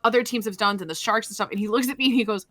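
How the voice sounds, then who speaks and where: A woman's voice: on the high side, rapid-fire. A young woman co-hosting a casual podcast, rambling through stories with lots of fillers and restarts. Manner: rambling, filler-heavy, animated storytelling. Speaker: podcast co-host. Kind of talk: casual chat.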